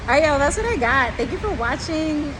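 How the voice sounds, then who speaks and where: A chatty woman talking in a casual vlog, her voice sitting a bit high. She sounds excitable and leans on casual slang. Steady noisy ambience runs behind her. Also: brisk. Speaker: reptile keeper vlogger.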